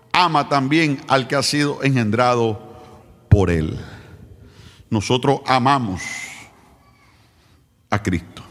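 A man preaches with fervor, his ordinary, mid-pitched voice now and then rising into shouted, sung-out phrases. He keeps putting questions straight to the congregation. The church hall lends a long, trailing echo. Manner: fervent preaching that swells into shouted, sung-out lines; asks the congregation direct questions. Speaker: pastor. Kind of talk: sermon.

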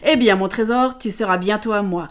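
A woman voicing a greedy, pompous rich businessman in an audiobook, speaking slowly and smugly. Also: mid-range voice, lightly acted. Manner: slow, smug and self-important. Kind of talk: audiobook character voice.

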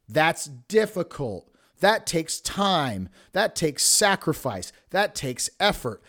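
Higher-pitched man giving blunt motivational tough love. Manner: forceful, emphatic, heavy swearing; preachy, addresses listeners directly. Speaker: podcast host.

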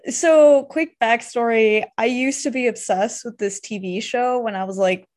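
A young woman co-hosting a podcast in casual chat, animated, swearing freely and laughing often. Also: fairly high pitch, normal speed. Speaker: podcast co-host.

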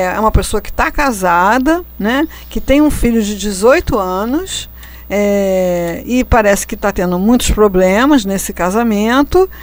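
Woman, slightly high voice, co-host in a relaxed spiritual talk, ironic, laughs at her own jokes. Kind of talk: casual reflective conversation.

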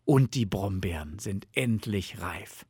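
A man's voice: on the low side, expressive, slow pace, a little mellow, slightly rough, no room sound, clean studio sound, heavily acted. A man voicing a sleepy, good-natured big male bear in a storybook reading, drowsy and easygoing. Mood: dreamy.

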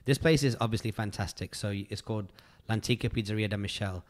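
Fast-talking, low-pitched man chatting casually. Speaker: podcast co-host. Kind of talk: casual chat.

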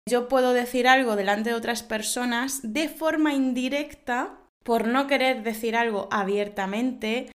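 A woman hosts a podcast lesson, reading out wordplay jokes and then explaining them. She giggles at her own jokes and jumps her pitch up to act out the characters in each joke. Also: measured pace. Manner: acts out joke voices with big pitch jumps. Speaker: Spanish teacher and podcast host.

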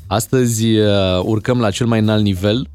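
A man hosting a morning radio show, easygoing and quick to laugh. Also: lowish voice, fairly even intonation, a little mellow, faint music behind. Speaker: radio host.

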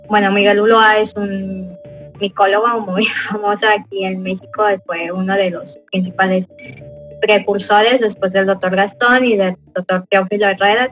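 On a rough recording, a young Mexican woman hosting a podcast chats casually, rambling along with lots of fillers and small chuckles. She speaks with a Mexican Spanish accent in a medium-pitched, somewhat bright voice.

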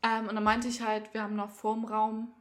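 A woman's voice: on the high side, completely flat delivery, normal speed. A young woman who works as a therapist, co-hosting a podcast and telling self-mocking anecdotes in casual chat, often giggling.

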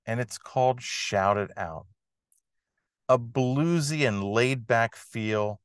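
A man's voice: mid-range voice, no echo, studio quality. A man hosting a music podcast, giving an enthusiastic review monologue with emphatic, dramatic phrasing.

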